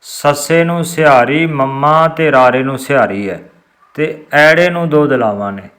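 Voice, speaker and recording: A man teaching a scripture recitation line by line, chanting each phrase slowly and then gently explaining how to pronounce it. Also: on the high side. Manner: addresses the listeners gently as beloved ones. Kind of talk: slow line-by-line recitation lesson.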